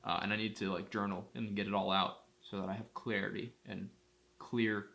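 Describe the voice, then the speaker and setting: A man who runs a marketing agency, talking casually to camera in a vlog and thinking out loud with frequent restarts. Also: fairly low pitch, level tone, normal speed, creaky. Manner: rambling, thinking aloud with restarts. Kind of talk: casual day-in-the-life vlog.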